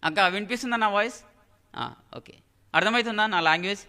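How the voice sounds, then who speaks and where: Brief: male preacher, very high and sharp voice, smooth, keeps quizzing the congregation. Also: quick pace. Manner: keeps asking the congregation rhetorical questions. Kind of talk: sermon. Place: church hall. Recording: long hall reverb.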